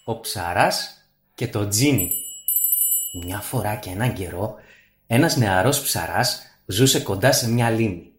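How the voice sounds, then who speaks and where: A man narrating a fairy tale for radio in a dramatic, expressive way. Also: fairly low pitch, long pauses. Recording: roomy studio echo.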